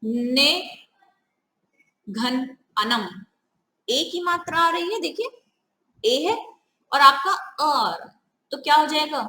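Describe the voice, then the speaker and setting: Bright high-voiced woman teaching. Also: lively intonation, slow, long pauses, roomy sound, a little hiss or hum, rough recording. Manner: repeats "ठीक है", asks the viewers questions. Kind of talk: explaining step by step with questions.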